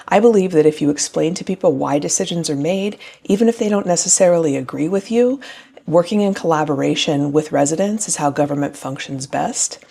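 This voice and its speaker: Woman, 40s, from New Hampshire, campaign address, earnest, measured, deep voice, vocal fry. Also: dark tone. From New Hampshire, USA. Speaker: town council candidate.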